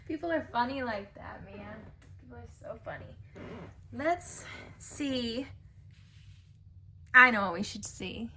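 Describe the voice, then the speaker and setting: A woman's voice: on the high side, pushed and bright, a little hiss or hum. A woman giving a casual tarot reading to camera, musing and chatty with many fillers. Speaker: tarot reader. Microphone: camera mic.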